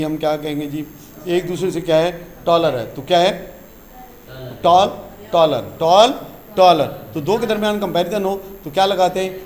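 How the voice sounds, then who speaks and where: A man's voice: high voice, a little mellow. A male teacher giving a classroom grammar lesson, quizzing the class with questions and repeating the key terms, and calling the students "beta.".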